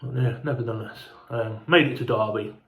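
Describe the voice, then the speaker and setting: A man's voice: mid-range voice, a little fast, roomy sound. A man telling a casual, rambling travel story, sweary and chatty, sounding hungover and unwell. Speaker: fan vlogger.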